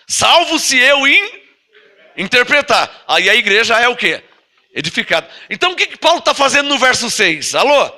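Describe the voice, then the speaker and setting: With a very high, very animated voice and a sharp tone, an apostle speaking with a Brazilian Portuguese accent preaches to a congregation. He reads scripture slowly, stretching it out, then explains it forcefully and pokes at listeners with rhetorical questions.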